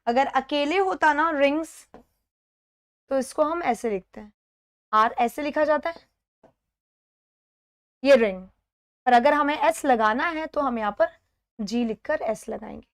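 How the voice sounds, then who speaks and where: High-voiced woman teaching pronunciation. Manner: explains step by step, often checks in with "theek hai"; repeats words slowly to model pronunciation. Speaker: English exam teacher. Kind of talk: live online exam-prep lesson.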